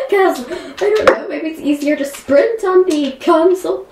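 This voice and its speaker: A woman's voice: very high voice, slow. A woman hosting a playful gaming video, giggling and slipping into mock-villain theatrics. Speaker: gaming channel host. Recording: echoey room with faint noise.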